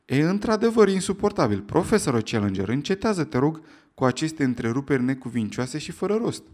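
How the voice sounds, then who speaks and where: A man's voice: mid-range voice, animated, natural voice. A man reading as a raised-voice, exasperated lecturer. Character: energetic, irritable male lecturer addressing a hall.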